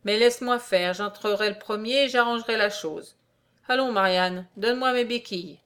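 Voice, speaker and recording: A woman's voice: mid-range voice, moderate pace, a bit bright, smooth, natural voice. A woman reading aloud, voicing a kindly, fussy old man on crutches who talks in a fatherly, exclaiming way.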